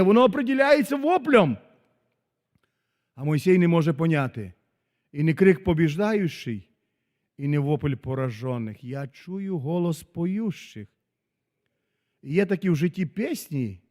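A man preaching a sermon as a pastor, dramatic, swinging from loud exclamations to very soft asides. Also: high-pitched. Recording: long hall reverb.

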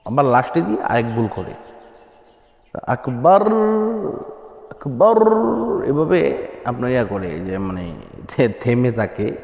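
A man's voice: mid-range voice, expressive, a little mellow. Bangladeshi man teaching the call to prayer, echoey. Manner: explains plainly, then sings long drawn-out call phrases. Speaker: azan teacher. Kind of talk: spoken lesson with chanted examples. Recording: echoey room with long reverb.

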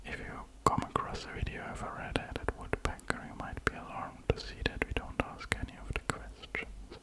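A man in his thirties speaking in a close-up, hushed wildlife watching whisper, reading aloud and commenting unhurriedly in an ASMR style. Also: normal speed. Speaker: ASMR host. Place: indoors at a computer.

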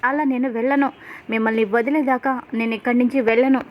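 A woman's voice: on the high side, steady tone, brisk, dull audio, natural voice. Woman reading a devoted young wife begging. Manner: begging, insistent.

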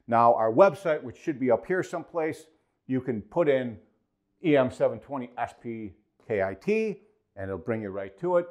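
A man's voice: medium pitch, lively intonation, normal speed. A man in his forties demos a tool for heating technicians and leans hard on the points that matter. He talks with his hands and repeats himself for emphasis. He is close on a lapel mic in a treated studio room. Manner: emphatic, gestures a lot, repeats key points. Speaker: HVAC trainer for a distributor. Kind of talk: product demo and technical explainer. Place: indoor studio with whiteboard and acoustic foam.

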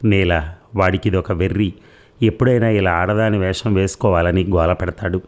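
A man's voice: low-pitched, steady tone, moderate pace. A man voicing a pleading old mother-in-law. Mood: blunt. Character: elderly Telugu mother-in-law, pleading, remorseful.

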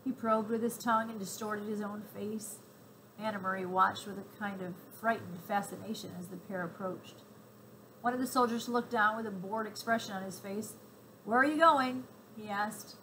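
A woman reading a children's novel aloud, in clear, even storytelling narration. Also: medium pitch, moderate pace, a little hiss or hum, low-quality recording. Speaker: reader.

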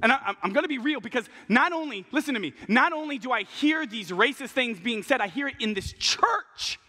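A young man preaching a passionate, animated sermon from a church pulpit, acting out what people say. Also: very high-pitched, a little fast. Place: large church stage at a pulpit. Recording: long reverb of a large hall.

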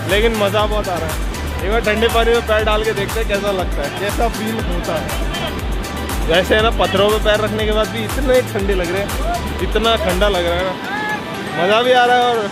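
A young man vlogging casually outdoors on a mountain trip, chatty and excitable as he talks to his viewers. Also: high-pitched, moderate pace, loud music behind the voice, over a noisy crowd, poor audio. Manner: chatty, excitable, often laughing along. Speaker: travel vlogger. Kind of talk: casual on-the-go vlog chat. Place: outdoors by a mountain river and waterfall. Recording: outdoor vlog with loud river rush.

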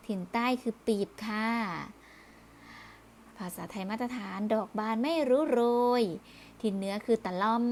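A woman's voice: medium pitch, a little hiss or hum. A woman teaching primary school children in a recorded review lesson, speaking patiently, repeating words and closing phrases politely.

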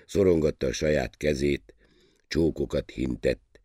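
An older man reading an audiobook aloud in a lively, theatrical way. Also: rumbling low, breathy edge, dry recording, clean studio sound. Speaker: audiobook narrator.

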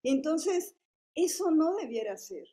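Speaking as a panelist at a public policy forum, a Mexican woman in her fifties talks casually, full of fillers and tag questions. Her voice sits high and is very animated, with a slow pace and a dark tone. She has a Mexican Spanish accent.

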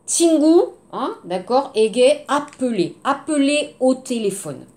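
A woman's voice: high-pitched, big pitch swings, a little mellow. A woman teaching French, patiently repeating words and drilling pronunciation. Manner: patient, repeats words slowly, mixes in Korean. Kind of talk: language lesson, drilling words.

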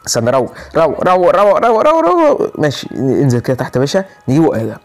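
A man with an Egyptian Arabic accent giving excitable live gameplay commentary, repeating himself rapidly and pleading and joking with his viewers. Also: mid-range voice. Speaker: gaming YouTuber.

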